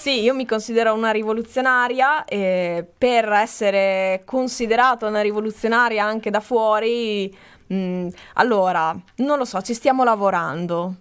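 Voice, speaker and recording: A woman's voice: medium pitch, normal speed, smooth. A woman artist speaking casually as an interview guest, through a face mask.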